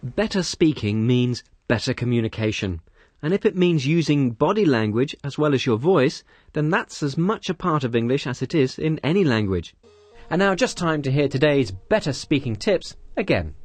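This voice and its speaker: A man's voice: mid-range voice, sing-song, normal speed, dry recording, soft background music. Man presenting a radio lesson. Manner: conversational, asks questions.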